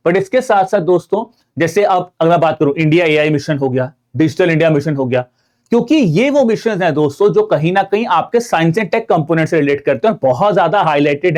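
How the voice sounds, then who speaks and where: This online exam-prep lecture comes from an Indian-accented man whose darkish voice sits on the high side and sounds animated and brisk. Explaining things step by step, he often calls his viewers friends and mixes in English terms.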